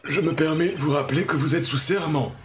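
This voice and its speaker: A man's voice: a little high, fairly quick, a little hiss or hum, lightly acted. A man voicing a smug, arrogant male courtroom prosecutor, reading game dialogue in a haughty, mocking way.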